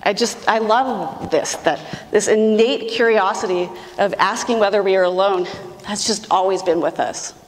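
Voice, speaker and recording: A woman's voice: mid-range voice, moderate pace. A woman giving an enthusiastic public science lecture in a large lecture hall, speaking emphatically and talking straight to the audience. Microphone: far camera, room mic. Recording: distant voice in a reverberant hall.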